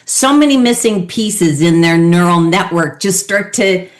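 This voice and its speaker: A woman's voice: fairly low pitch, animated, a little slow. A woman hosting an interview and coaching, chatty and encouraging as she talks with her guest. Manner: encouraging, chatty, laughs often. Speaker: host, coach. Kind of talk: interview conversation.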